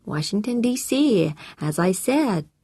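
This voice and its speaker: A woman voicing a young man on the phone faking a dead man's voice, in an overdone, giggly falsetto. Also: very animated, slow pace, mellow, husky, no echo, heavily acted. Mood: teasing. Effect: phone line.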